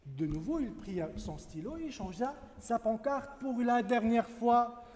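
Tunisian guy reading a kids story out loud, high voice, big hall echo. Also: measured pace. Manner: animated, mixes in asides. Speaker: speaker. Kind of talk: reading a children's story aloud. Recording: echoey hall, faint ambience.

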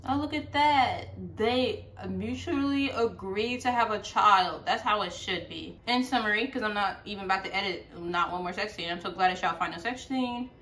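A woman hosting a reaction video, chatty and exclaiming, quick to laugh at what she watches. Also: medium pitch, a bit bright, slight background noise. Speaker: video host reacting to a series. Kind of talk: casual reaction commentary.

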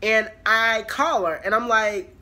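Woman vlogger, congested and nasal, chatty and filler-heavy, bright tone. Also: a little high, slow. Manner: rambling, filler-heavy talk. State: congested with allergies. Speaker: haul vlogger. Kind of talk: casual chatty vlog.

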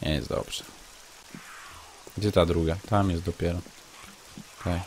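Slow, low-voiced grumbling gamer man. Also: fairly even intonation, slight background noise. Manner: grumbling, sarcastic muttering to himself. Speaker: let's play gamer. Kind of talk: casual gameplay commentary.

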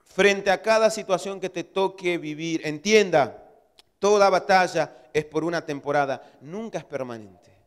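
High-voiced preaching pastor in a reverberant hall. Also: male voice, unhurried, smooth. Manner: swings from loud exhortation to hushed asides. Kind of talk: sermon. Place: church hall.

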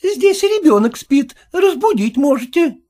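A man's voice: big pitch swings, measured pace, warm tone, full character voice. A man reading an audiobook, voicing an alarmed nanny who fusses over a sleeping child. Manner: shrill, fussing.

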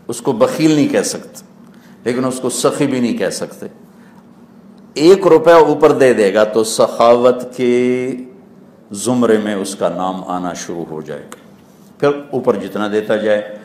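Man preaching in an echoey hall. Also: medium pitch. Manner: rises to loud animated peaks while telling stories. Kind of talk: sermon with storytelling. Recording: echoey hall with faint background noise.

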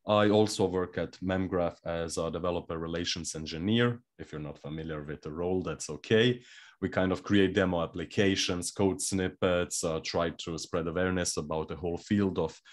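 A young man from Croatia with a very low voice opens an online technical workshop. He comes across as easygoing and a bit self-deprecating, with quick "uh"s between phrases. The sound is a webcam mic on a video call. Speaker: developer relations engineer presenting a workshop. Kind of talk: live online technical presentation.

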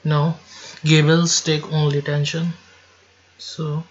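A man giving slow, step-by-step software instructions over a screen recording, now and then correcting himself. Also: fairly high pitch, completely flat delivery, lo-fi sound.

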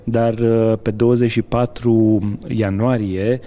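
A middle-aged man from Romania, a TV interviewer asking leading, flattering questions with some hesitant fillers. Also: mid-range voice. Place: restaurant lounge with fireplace. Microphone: handheld branded mic.

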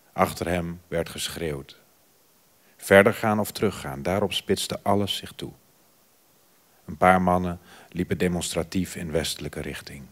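A man reading a novel excerpt aloud at a literature festival, in a measured voice that drops to a hush at line ends, on a theatre stage. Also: low voice. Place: theatre stage before an audience.

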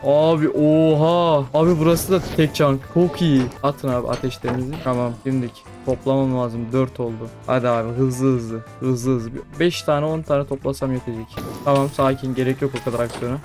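A young man commenting on his gameplay as he plays, talking to the creatures on screen and calling out excitedly. His voice sits at an ordinary pitch, with faint music playing behind him. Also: brisk, hardly any pauses. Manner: chatty, talks to mobs, frequent excited exclamations. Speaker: gaming YouTuber.

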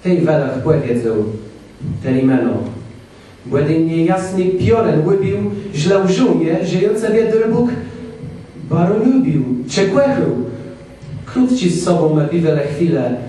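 A man with a Kashubian accent narrating in verse, with slow, measured delivery. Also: fairly high pitch, lively intonation, dark tone, a little hiss or hum. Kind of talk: verse recitation. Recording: echoey room, far from mic.

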